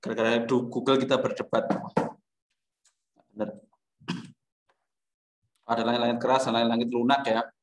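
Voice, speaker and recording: A male teacher jokes with and teases his students between explanations during a music lesson. His pitch is ordinary and his voice echoes around a bare classroom. He speaks flatly at a moderate pace and leaves long pauses.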